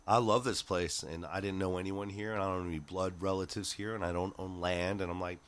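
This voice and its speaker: A man talking as a guest on a podcast, animated, acting out his own quotes and swearing casually. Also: low voice, brisk, a little hiss or hum. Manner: animated, quotes himself in voices, swears freely.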